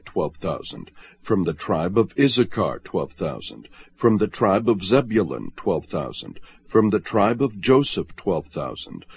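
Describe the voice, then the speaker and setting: A man giving a measured, solemn scripted reading of scripture. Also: lowish voice, husky. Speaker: audiobook reader.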